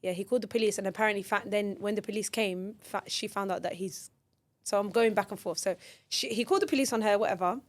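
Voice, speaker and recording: A British woman in her late twenties co-hosts a podcast in casual chat. Her voice sits at a middling pitch. She talks in a playful, storytelling way. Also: quick pace. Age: late 20s. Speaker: podcast co-host.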